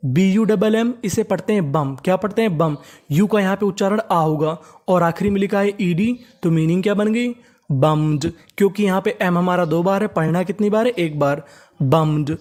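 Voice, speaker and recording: A mid-pitched teacher voice running an English reading drill. The teacher spells each word letter by letter and poses quick questions to the viewer. Each word is answered and then drawn out slowly in repetition. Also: darkish tone. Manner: slowly repeats each target word several times. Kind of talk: spoken lesson spelling out English words in Hindi.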